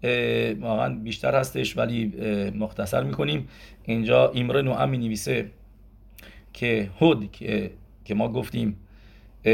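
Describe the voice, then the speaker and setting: A man's voice: mid-range voice, creaky, breathy edge. A man teaching a religious lesson as a rabbi, explaining step by step and asking questions that he answers himself. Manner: explanatory, counts gematria aloud, asks and answers himself. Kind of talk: Torah lesson in Persian.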